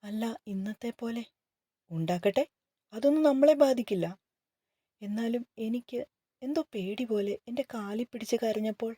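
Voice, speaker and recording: A woman reading the lines of a timid young bride in a romantic novel, soft and hesitant. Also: a little high, normal speed, slightly rough, no room sound. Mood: anxious.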